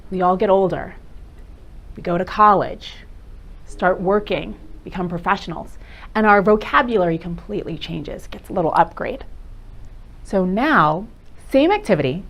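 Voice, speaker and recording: A woman presenting a live workshop, speaking directly and quizzing the audience with quick questions. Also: medium pitch. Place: meeting room with a live audience.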